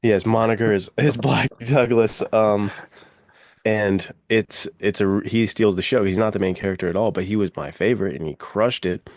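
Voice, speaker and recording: Talking movies with casual enthusiasm, this man hosts a podcast in loose, slang-heavy language full of "like" and "dude." His voice is on the low side at a moderate pace, recorded cleanly in a studio with no room sound.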